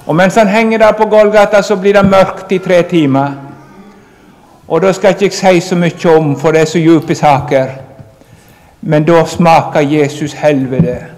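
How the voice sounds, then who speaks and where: A man's voice: a little high, steady tone, darkish tone. A man preaching a sermon in a church hall, speaking earnestly and emphatically and addressing the congregation directly. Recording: long reverb of a large hall.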